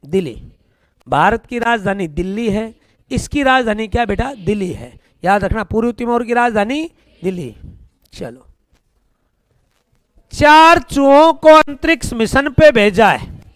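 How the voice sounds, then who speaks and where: A male teacher with a Haryanvi accent runs a current affairs class for exam students. His voice sits very high for a man. The recording is dry and close, and he keeps firing questions and answering them himself, with folksy jokes. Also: lively intonation, measured pace, long pauses, a bit bright, dry recording. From India. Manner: folksy, joking asides.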